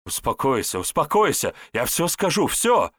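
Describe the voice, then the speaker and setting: A man voicing a nervous, evasive male herbalist who is secretly a disguised priest, speaking in hurried, flustered replies. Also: mid-range voice, sing-song, fairly bright tone, dry recording, voice pushed up. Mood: frightened.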